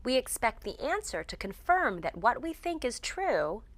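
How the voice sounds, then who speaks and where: A woman English teacher giving a scripted grammar lesson, speaking in a clear, measured way and exaggerating the intonation of her examples. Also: fairly high pitch, big pitch swings, dry recording.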